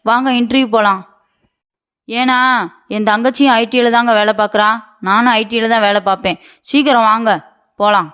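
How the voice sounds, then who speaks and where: A woman's voice: fairly high pitch, fairly even intonation, moderate pace, long pauses, a bit bright, clear, resonant tone, natural voice. A woman voicing a naive, stubborn young wife with big dreams in a cartoon comedy. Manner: stubborn, boastful, childlike.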